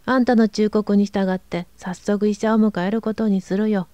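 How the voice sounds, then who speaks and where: A woman reading a gruff, domineering father. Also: medium pitch, fairly even intonation, moderate pace, mellow, no room sound, lightly acted. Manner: gruff, barking orders. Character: harsh, domineering middle-aged father, man.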